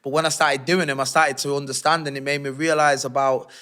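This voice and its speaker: A man, an interview guest telling his life story in a candid, animated, slangy way. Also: mid-range voice, a little fast, clean tone. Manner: streetwise, animated, slangy retelling with acted-out quotes.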